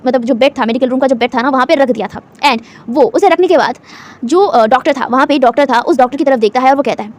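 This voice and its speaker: A woman's voice: high-pitched, fast talker. A woman casually retelling her own fan fiction story, chatty and full of little asides.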